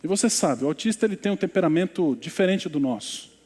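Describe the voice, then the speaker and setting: A man's voice: high-pitched, lively intonation, fast talker. A man with a Brazilian Portuguese accent, preaching as a pastor and telling a story in church. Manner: storytelling, quiet and emotional in places. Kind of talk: sermon. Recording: long church reverb.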